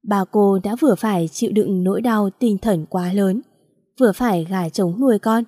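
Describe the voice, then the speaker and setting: A woman narrates a romance story in an even, measured scripted reading. Her voice is warm and mellow, recorded dry and close with no room echo. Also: mid-range voice.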